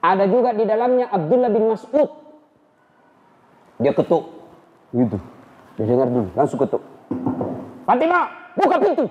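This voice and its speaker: A man's voice: sits high, sing-song, moderate pace, pauses often, dull audio. A man preaching a humorous sermon, telling a story dramatically and addressing his audience. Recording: echoey hall.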